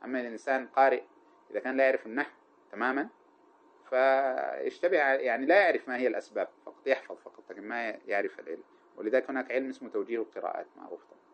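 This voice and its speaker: Fast-talking male grammar teacher. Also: mid-range voice. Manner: asks rhetorical questions and answers them himself; recites verse lines and Quran passages. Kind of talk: classroom explanation of a grammar text.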